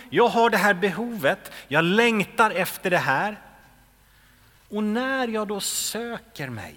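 Male pastor, high bright voice, sermon that swings from hushed to shouted, in a reverberant church hall. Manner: swings between hushed whispers and loud calls.

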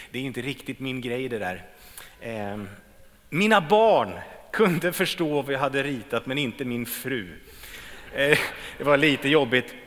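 A middle-aged man preaching a sermon, swinging between loud emphatic lines and quiet low ones. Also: long reverb tail.

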